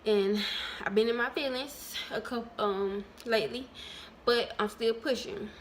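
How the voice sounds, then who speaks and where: A woman talking to her viewers in a casual vlog, candid and chatty, calling them y'all, with lots of ums and pauses. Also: fairly high pitch, slight background noise. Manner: many ums and trailing pauses. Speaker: vlogger.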